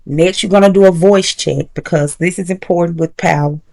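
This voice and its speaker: A woman teaching confidence habits in a casual, encouraging way, slowing down to stress key points. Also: on the low side, steady tone, creaky, darkish tone. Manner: casual, encouraging, slows down for emphasis. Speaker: confidence coach. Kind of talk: motivational tutorial.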